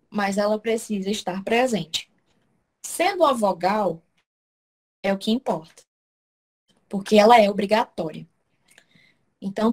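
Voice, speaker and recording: A woman's voice: mid-range voice, darkish tone. Woman, teacher, online lesson, step-by-step explaining, frequent check-ins with students. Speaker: Portuguese teacher. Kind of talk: online class lecture.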